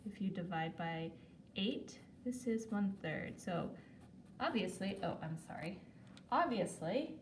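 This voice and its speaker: A woman teaching math in a recorded video lesson, talking at an unhurried pace and chatting as she works through problems, often correcting herself. She sits a little back from the mic. The room is echoey, with faint ambient noise behind her. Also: mid-range voice, a little mellow, recorded from a distance. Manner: chatty, talks while writing, self-corrects.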